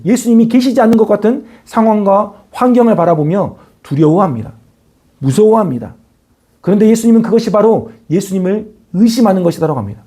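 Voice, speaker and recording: A man preaching a Sunday sermon as pastor, earnest and emphatic, his voice rising on key words and falling soft at the ends of phrases. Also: high voice, husky.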